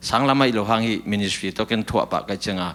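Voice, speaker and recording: A man's voice: fairly low pitch, fast talker, a bit bright. A man in casual talk-show conversation, telling a long account in a chatty way with short fillers.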